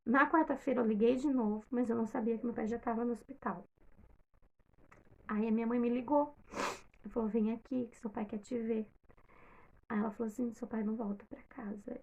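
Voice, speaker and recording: A woman's voice: fairly high pitch, vocal fry, darkish tone. A Brazilian woman emotionally retelling a personal story, acting out quoted dialogue. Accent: Brazilian Portuguese. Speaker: vlogger.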